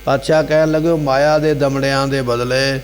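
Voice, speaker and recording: A man's voice: medium pitch, level tone, brisk. A man expounding scripture as a preacher in a gurdwara, in short repeated phrases with rhetorical questions. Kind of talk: devotional scripture exposition. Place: gurdwara hall. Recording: long hall reverb, faint hum.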